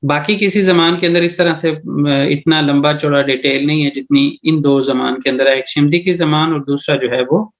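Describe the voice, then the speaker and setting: Pakistani guy teaching online, video call mic, slightly high voice, explains everything step by step. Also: fairly even intonation, normal speed, few pauses, highs cut off. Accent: Pakistani Urdu. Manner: explains step by step, repeats "theek hai ji". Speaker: language teacher. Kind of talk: online language lesson.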